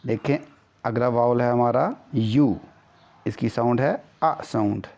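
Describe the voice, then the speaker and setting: A man teaching English phonics in a slow lesson, repeating each vowel sound several times. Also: mid-range voice, gravelly, a little mellow. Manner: drills sounds by repeating them. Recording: dull lo-fi recording.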